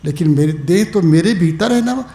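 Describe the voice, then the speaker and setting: A man with a high, gravelly voice delivers an evening spiritual discourse, calling his listeners "my dear" and "my brother". He moves between rising exhortation and soft, unhurried asides. The sound rings with the echo of a hall. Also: expressive. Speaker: spiritual teacher.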